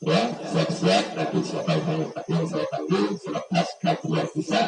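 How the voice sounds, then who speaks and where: Impassioned preacher in an echoey hall. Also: male voice, huge pitch swings, unhurried, gravelly, background noise. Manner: impassioned, rising to high emotional pleas. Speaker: religious teacher. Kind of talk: sermon to children. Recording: very echoey, distant mic, music behind.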